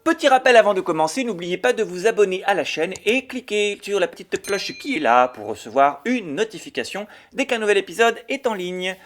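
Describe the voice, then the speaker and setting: A man hosting a children's educational show, explaining things in a playful, animated way. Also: high voice, normal speed, hardly any pauses, background noise. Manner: animated, sing-song and playful. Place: home.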